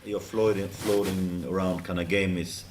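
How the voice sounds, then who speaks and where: Low-voiced man, heard from a distance. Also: level tone. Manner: rambling, halting, filler-heavy. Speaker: seminar attendee asking a question. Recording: distant mic with faint noise.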